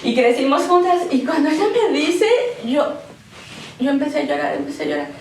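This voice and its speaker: A woman's voice: sits high, brisk, far from the mic, slight background noise. Emotional woman preaching in an echoey hall. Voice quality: animated, swings between loud emphasis and soft emotional tones. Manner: conversational, tag questions, repeats words for emphasis. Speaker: guest speaker at a women's church session. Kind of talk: sermon with personal testimony. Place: church hall. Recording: echoey hall, speaker away from the mic.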